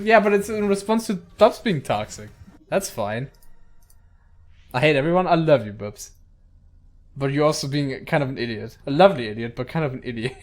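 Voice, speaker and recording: A young man giving casual commentary on a speedrun match, swearing often, laughing and talking to viewers. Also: a little high. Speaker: tournament commentator. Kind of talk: casual solo esports commentary.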